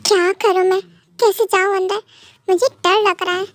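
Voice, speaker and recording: A woman's voice: very high voice, steady tone, normal speed, fairly bright tone, no room sound. A young woman voicing a naughty, sulky young wife in a Hindi fan dub, whiny and pouting. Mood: pouty.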